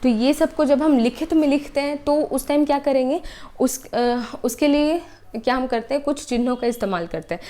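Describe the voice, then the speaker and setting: In a high-pitched voice with a dark tone, a young adult woman leads an exam-prep lesson. She walks through material step by step, repeats her points, and keeps checking in with a quick "okay."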